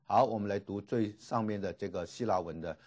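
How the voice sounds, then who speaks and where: A man teaching a classroom lecture, repeating each word slowly and filling pauses with drawn-out particles. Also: fairly low pitch, darkish tone. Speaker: Greek language teacher. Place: classroom with students.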